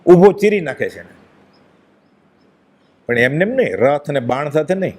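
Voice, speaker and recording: Man preaching a devotional talk, emphatic, lots of rhetorical questions, fairly high voice. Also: big pitch swings, moderate pace, a little mellow, breathy edge. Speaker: religious speaker. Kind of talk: devotional discourse.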